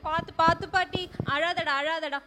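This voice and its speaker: A woman's voice: extremely high pitch, steady tone, moderate pace, sharp tone. A woman playing an anxious young village mother soothing her crying baby, in an amateur role play. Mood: pleading. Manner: fretful, pleading.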